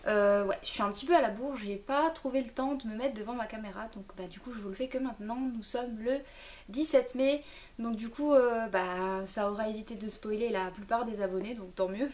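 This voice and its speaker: A woman's voice: fairly high pitch, brisk, a little mellow. Chatty young woman unboxing. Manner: chatty, hesitant with many fillers. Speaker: vlogger. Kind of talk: casual unboxing chat. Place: at home in front of a camera. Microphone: camera mic, a little far.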